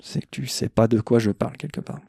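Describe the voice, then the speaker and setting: Male metal podcast host, irreverent and crude, very dark mellow tone, dry close sound. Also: medium pitch, brisk, vocal fry, husky, dry recording. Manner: blunt, irreverent, swears freely. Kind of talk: casual monologue answering questions.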